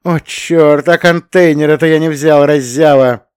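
A man voicing an eager, boastful young male planetologist in an audiobook, higher and louder than his own reading voice. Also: fairly even intonation, clear, resonant tone, no echo, studio quality, natural voice. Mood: excited. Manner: eager, rapid-fire, boastful.

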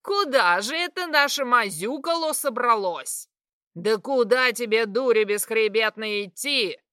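A scornful, domineering middle-aged mother in an audiobook, shouting each word slowly and heavily, played by a woman reading. Her voice is bright and cutting. The recording is dry and close-miked. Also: mid-range voice, sing-song, dry recording, full character voice. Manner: shouting, scornful, slow and heavy.

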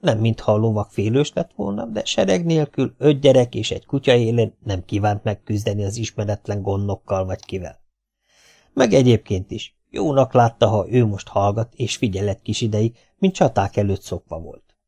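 A man narrating a children's novel as an audiobook, telling the story in a lively, wry way. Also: on the low side, vocal fry.

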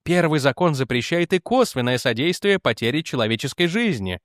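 A man's voice: a little high, animated, fairly quick, a bit bright, dry recording, clean studio sound. A man reading aloud as a skeptical male official who defends the president and argues back. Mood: arguing.

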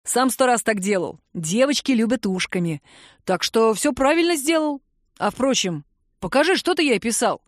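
Teasing male coworker, read by a woman; lifted pitch, dry close mic. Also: animated, normal speed, no room sound, natural voice. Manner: teasing, mocking. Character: joking cynical young male office friend.

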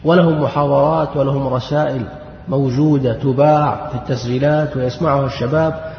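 A man's voice: mid-range voice, steady tone, brisk, slight background noise. Fervent male Islamic lecturer, echoey hall. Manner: fervent, rising to emphatic outbursts. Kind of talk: religious lesson. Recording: dull lo-fi recording in an echoey hall.

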